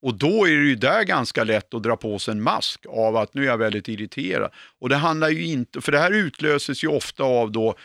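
A man in his sixties, a dog trainer, explaining firmly and emphatically in conversation, often tagging his points with a quick question. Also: mid-range voice, expressive, vocal fry, a bit bright, no echo, clean studio sound. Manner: firm, emphatic, with frequent tag questions.

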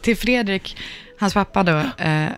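A woman who acts and does comedy, a guest on a radio show, telling stories in casual chat and laughing often. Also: mid-range voice. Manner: animated storyteller, laughs often.

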